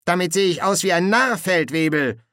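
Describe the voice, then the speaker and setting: A man's voice: high voice, animated, normal speed, bright, forceful tone, no room sound, clean studio sound, pitched above the performer's own voice. A man voicing a scruffy, timid army corporal in an audiobook, with a whiny, grumbling voice. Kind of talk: audiobook character voice.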